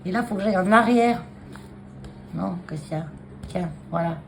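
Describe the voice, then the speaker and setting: A woman's voice: medium pitch, moderate pace, vocal fry, slight background noise. A woman chatting to her phone camera at her desk, showing handmade cards, hesitant with many fillers and restarts. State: clearing a frog in her throat. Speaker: craft vlogger showing cards. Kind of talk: casual chat to camera. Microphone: phone camera on a taped stand.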